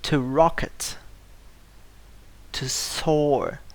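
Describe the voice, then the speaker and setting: Slow, careful English teacher. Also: medium pitch, steady tone, darkish tone. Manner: slow, careful delivery, repeating word lists for learners; stresses syllables to model pronunciation. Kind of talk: scripted vocabulary lesson.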